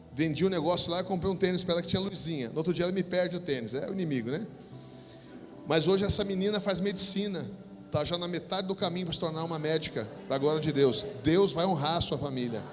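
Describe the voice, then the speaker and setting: High-voiced Brazilian pastor preaching in a hall. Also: male voice, fast, a bit bright, faint music behind. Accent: Brazilian Portuguese. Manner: preaches in swelling bursts, then drops low to tell a story. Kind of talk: sermon. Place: church hall. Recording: long reverb of a church hall.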